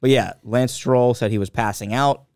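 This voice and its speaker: A man co-hosting a casual podcast, blunt and quick to swear, retelling things with animation. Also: mid-range voice, steady tone, a little mellow, clear, resonant tone, no echo, clean studio sound. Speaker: podcast co-host. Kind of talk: casual chat.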